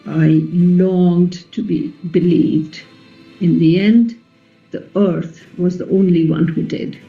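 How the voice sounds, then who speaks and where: A woman playing Sita as a gentle, wise ancient Indian queen, measured and reflective in a play reading. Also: fairly low pitch, steady tone, gravelly. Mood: quietly sad. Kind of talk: dramatic play reading, radio play. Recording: muffled recording with music behind.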